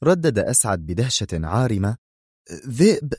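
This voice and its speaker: A man narrating a thriller as an audiobook in a measured, expressive reading. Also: fairly low pitch, dry recording, studio quality.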